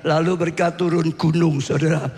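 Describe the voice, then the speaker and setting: A man preaches in a high-pitched voice, retelling a story dramatically and often swelling into shouts. His voice rings out with a long hall reverb, as in a large church. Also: fairly even intonation, normal speed. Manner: addresses listeners as saudara. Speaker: pastor. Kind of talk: sermon storytelling.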